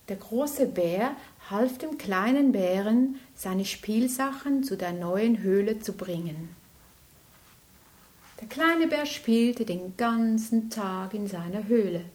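A woman reads a bedtime story aloud, gentle and unhurried. Her voice sits fairly high and moves along at a slow pace.

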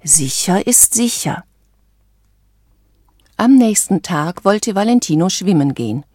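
A woman reading a children's storybook aloud in a calm, measured, clear manner. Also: medium pitch, dry recording, studio quality.

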